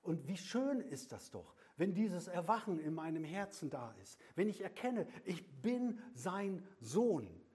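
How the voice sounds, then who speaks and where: An older man preaching a sermon, swinging between loud emphatic lines and soft whispered passages, with slow, deliberate repeated phrases. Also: sits high, sing-song.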